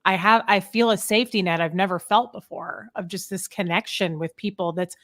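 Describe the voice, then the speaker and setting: Candid and chatty, this podcast host from the American Midwest tells personal stories in a casual conversation. She speaks a little fast with a steady, medium-pitched voice and a fairly bright tone.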